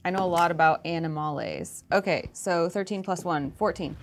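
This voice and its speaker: A woman's voice: lowish voice, moderate pace, faint music behind. A woman playing a tabletop game, asking curious questions. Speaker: player. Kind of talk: casual tabletop game talk.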